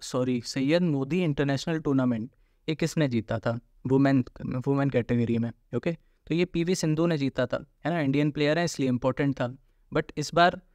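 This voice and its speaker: A man's voice: fairly high pitch, darkish tone, no echo. A man giving an informal exam-prep lesson, explaining step by step and often adding tag questions for his students. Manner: informal, repeats tag questions, mixes English terms. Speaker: exam coaching teacher.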